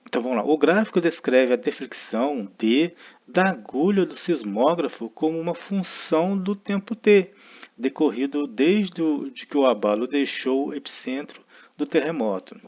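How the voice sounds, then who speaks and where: A man with a somewhat high, animated, darkish-toned voice speaks at normal speed with a Brazilian Portuguese accent. In this recorded math lecture he explains things step by step, thinks aloud, and keeps checking in with listeners through frequent tag questions. The lo-fi recording sounds dull.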